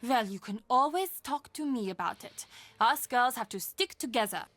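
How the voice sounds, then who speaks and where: An actress voicing a warm, chatty middle-aged castle employee and aunt in a video game, expressive and confiding. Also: female voice, fairly high pitch, normal speed, no room sound. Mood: warm, encouraging.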